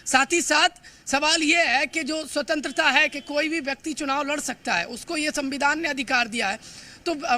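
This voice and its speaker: A man reporting live for the news, emphatic and hurried, often stumbling over words and filling pauses. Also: very high voice, bright, forceful tone, no echo. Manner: fast, emphatic, with frequent stumbles and fillers. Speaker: field reporter.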